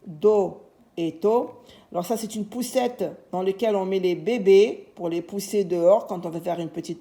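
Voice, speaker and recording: A woman's voice: medium pitch, dark tone. A woman teaching young children to read, patiently spelling out letters and syllables. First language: Arabic. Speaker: primary school teacher. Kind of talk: slow, clear phonics lesson for young children.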